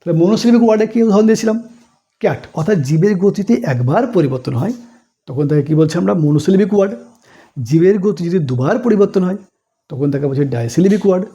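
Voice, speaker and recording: A male teacher works through a grammar lesson in a slightly high yet mellow, dark-toned voice. He explains slowly and patiently, asks the class questions and answers them himself. He recaps each point as a repeated list. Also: animated, dull audio. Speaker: English teacher.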